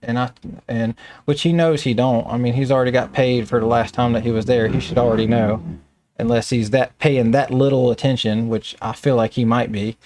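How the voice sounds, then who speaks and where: A man's voice: medium pitch, steady tone, brisk, darkish tone, slight background noise. Plainspoken Southern American man. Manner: plainspoken and colloquial, telling stories at length. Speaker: staffing business owner. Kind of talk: casual storytelling interview.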